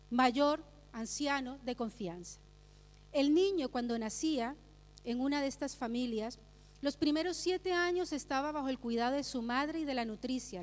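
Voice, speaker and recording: A woman pastor with a high voice preaches a Sunday sermon, mixing personal stories with teaching. She repeats key phrases for emphasis. Her voice carries a long reverb from the church hall. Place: church sanctuary.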